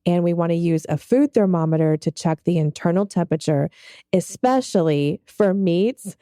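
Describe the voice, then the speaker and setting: A woman co-hosting a podcast who walks through food safety tips in a clear, explanatory way. Her voice is very dark and warm, sitting low. The sound is close and dry. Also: moderate pace, no echo. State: married.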